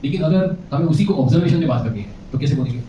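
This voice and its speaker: A man's voice: on the high side, expressive, rapid-fire, dark tone, recorded from a distance, a little hiss or hum. A male relationship coach giving a seminar lecture, quizzing the audience and often chuckling. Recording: echoey, muffled hall recording from afar.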